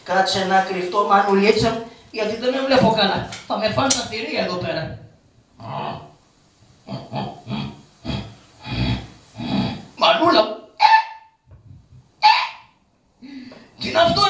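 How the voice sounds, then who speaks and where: A man's voice: high-pitched, fairly bright tone, full character voice. Karagiozis, a man voicing a cowardly trickster. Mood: frightened. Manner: fearful comic babbling, stammers, calls on his mother. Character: poor, cowardly, joking male trickster of shadow theatre. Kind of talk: live shadow-puppet theatre. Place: theatre stage. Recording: echoey live stage from a distance.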